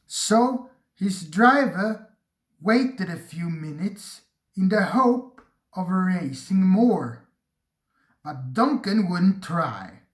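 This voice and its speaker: An unhurried narrator reads a railway storybook aloud. The pitch moves with lively expression. The voice echoes in a roomy space. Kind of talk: storybook reading.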